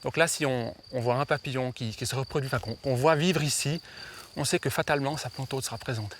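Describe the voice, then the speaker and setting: A man's voice: mid-range voice, quick pace. A man giving casual, conversational explanations as an expert in an outdoor interview, often repeating words as he goes. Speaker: butterfly expert guest. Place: outdoors in a meadow. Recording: faint outdoor noise, chirping insects. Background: faint insects and ambience.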